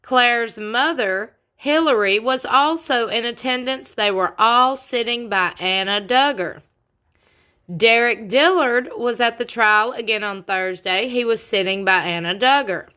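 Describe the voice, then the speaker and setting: A woman's voice: on the high side, unhurried, pushed and bright, smooth. A woman recapping trial news as a vlogger, mixing reported details with sassy, casual commentary. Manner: sassy, folksy asides.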